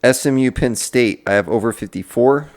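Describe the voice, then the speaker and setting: A young man with a gravelly, creaky voice, co-hosting a sports podcast. He runs through betting numbers in a brisk, matter-of-fact way. His pitch sits in the middle. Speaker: podcast co-host, betting picks. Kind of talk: casual chat.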